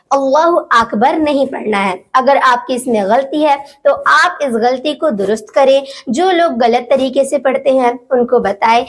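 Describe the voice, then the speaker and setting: A woman, teaching how to recite prayers and carefully drawing out each sound to demonstrate it. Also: sits high. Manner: careful, drawn-out demonstration of pronunciation. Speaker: religious teacher. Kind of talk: instructional talk on prayer recitation.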